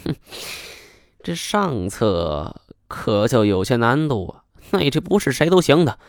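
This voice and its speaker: A sly, smug middle-aged schemer, as a man voices him in an audiobook, wheedling and teasing and drawing out his sayings. The voice sits a little higher than the reader's own, with a lively, swooping lilt. The sound is dry and close. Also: measured pace, no echo. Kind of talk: audiobook character voice.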